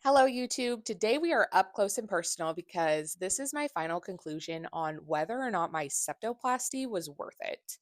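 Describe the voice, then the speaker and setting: A woman's voice: mid-range voice, lively intonation, normal speed, hardly any pauses, no echo. A young adult woman talking candidly and bluntly in a casual personal vlog, swearing freely. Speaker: vlogger.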